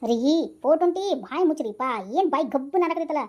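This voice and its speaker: Comic skit: woman doing a bossy, teasing male cop, North Karnataka accent, very high voice. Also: expressive, fast talker, dull audio. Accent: North Karnataka Kannada. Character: bossy male police inspector, scolding.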